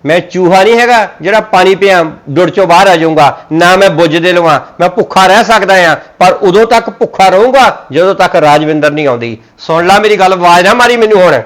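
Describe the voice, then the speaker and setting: Fast-talking sulky man. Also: fairly high pitch. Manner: sulky, complaining. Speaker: husband in a comedy sketch. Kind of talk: Punjabi family comedy sketch.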